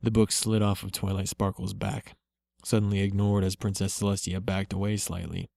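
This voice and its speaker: A man reading a story aloud in a slow, steady, low-key way. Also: creaky, no echo. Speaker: reader.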